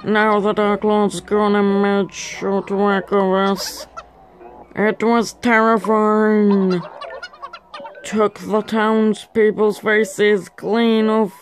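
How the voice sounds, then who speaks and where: A woman's voice: medium pitch, flat delivery, very slow, a little hiss or hum, pitched above the performer's own voice. A woman voicing a rambling, indignant old townsman from a video game in a grumbling manner. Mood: indignant, shaken. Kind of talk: reading game dialogue in character.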